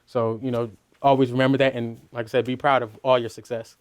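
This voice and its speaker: His voice is medium-pitched and clean, with a flat delivery and a quick pace. He's a middle-aged mix engineer in a studio, casually teaching his mixing process with lots of "you know" and restarts.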